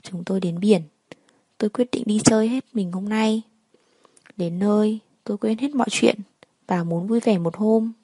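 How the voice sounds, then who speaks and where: A woman tells a first-person story in a soft, sorrowful way. Her voice is dark and husky. It is recorded close and dry, with no room sound. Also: mid-range voice, moderate pace, no room sound. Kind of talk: first-person scripted narration.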